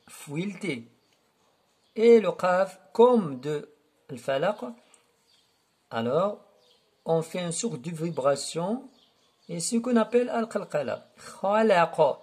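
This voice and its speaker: A man teaching Quran recitation rules step by step, repeating words slowly and drawing out syllables. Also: sits high, darkish tone, breathy edge. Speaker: tajweed teacher. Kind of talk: slow step-by-step recitation lesson.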